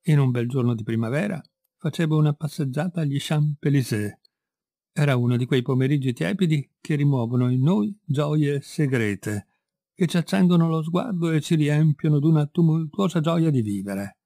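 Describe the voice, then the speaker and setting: A man reading a classic short story aloud in a measured, expressive storytelling manner. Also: on the high side, no room sound, clean studio sound. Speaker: audiobook reader. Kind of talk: literary read-aloud narration.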